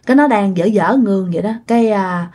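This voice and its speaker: A woman's voice: medium pitch, quick pace, mellow. A woman telling a story in a casual, chatty way, speaking directly to her listeners.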